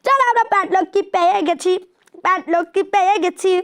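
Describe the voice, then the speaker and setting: Very high-pitched excitable woman gamer. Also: brisk. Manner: taunting, shouting at game characters. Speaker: gaming channel host. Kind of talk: excited horror game commentary.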